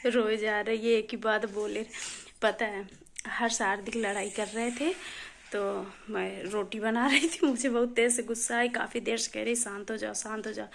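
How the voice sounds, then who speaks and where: A woman's voice: on the high side, flat delivery, measured pace, creaky, a little hiss or hum. A mother in her thirties recording a casual home vlog, chattily recounting a family squabble to the camera. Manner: chatty, recounting a household scuffle with a laugh. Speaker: mother and vlogger. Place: home, indoors.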